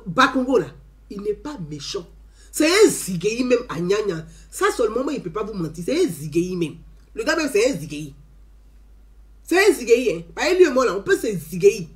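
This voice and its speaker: Woman, animated storyteller with a sing-song swooping voice, emphatic and repetitive. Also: medium pitch. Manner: emphatic, repeats phrases, tags lines with "hein". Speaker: community member giving a testimony.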